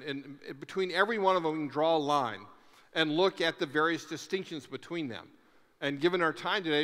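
A man's voice: a little high, a bit bright. A middle-aged man giving a conference keynote on a large stage through a headset mic, emphatic and fond of rhetorical questions and repeated lists. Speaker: keynote speaker. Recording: long hall reverb.

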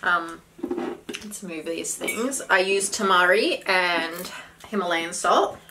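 A woman's voice: lowish voice, slow, pushed and bright, low-quality recording. A woman in her thirties chatting casually and giving health advice while eating at a table. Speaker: vlog host and health coach. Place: small room indoors at a table. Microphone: camera a short distance away. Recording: background noise, clinking cutlery and bowls.

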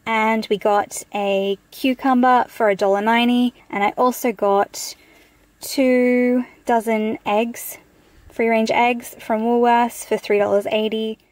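Her voice a little high and level, an Australian woman in her thirties takes her time talking through a grocery haul in a parked car, stating prices plainly. She's a vlogger, and the recording has no room sound.

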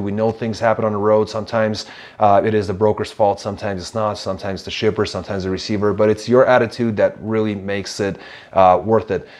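A man's voice: lowish voice, darkish tone. A man in his thirties reviewing trucking loads to camera in a small office, reading off miles and rates with frequent "uh" and "you know". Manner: brisk, number-heavy delivery with frequent "uh" and "you know". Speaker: truck dispatch company host. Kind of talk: business recap to camera. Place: small office, indoors, seated in leather chair. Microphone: lapel mic.

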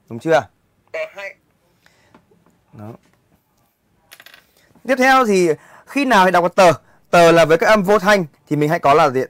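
A man's voice: mid-range voice, no room sound, clean studio sound. A young male English teacher, walking students through an exam in a chatty way and often checking if they follow. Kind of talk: exam walkthrough lesson.

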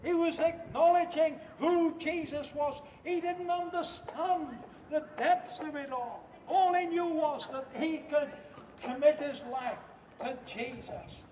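A man's voice: very high voice, takes it slowly, darkish tone, slight background noise. A man preaching an emphatic open-air sermon on the street, often calling out to his listeners as friends. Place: outdoors on a street. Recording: far-off echoey muffled street recording.

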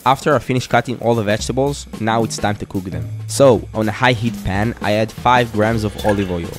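A young man giving calm, step-by-step cooking instructions in a scripted voice-over. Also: fairly low pitch, brisk. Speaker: fitness cooking creator. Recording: voice-over over loud music. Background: background music.

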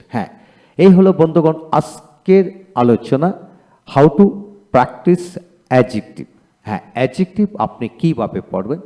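A man teaching English grammar in a video lecture, slowly reciting and repeating word forms for learners to drill. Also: mid-range voice, mellow.

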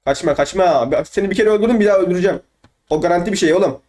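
A man's voice: high voice, rapid-fire, a little mellow. A young man from Turkey chatting casually over gameplay, boastful and teasing, repeating his lines. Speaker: gamer.

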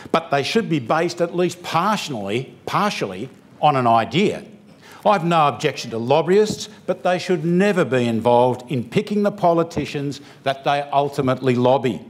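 An older man speaks at a lectern in a conference hall, his voice sitting a little high. He delivers a formal speech in a measured, deliberate way, pausing between phrases. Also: animated. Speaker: convention speaker.

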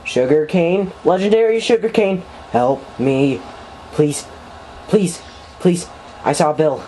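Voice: mid-range voice, unhurried, dark tone, slight background noise, low-quality recording. A let's-play commentator talking through a game, melodramatic and panicky, often repeating the same word in long strings. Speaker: gameplay commentator.

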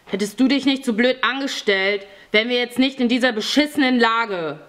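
A woman's voice: on the high side, moderate pace, fairly bright tone, voice pushed up, natural voice. A woman voicing a foul-mouthed young male thug who snarls insults, in an audiobook reading. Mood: snarling.

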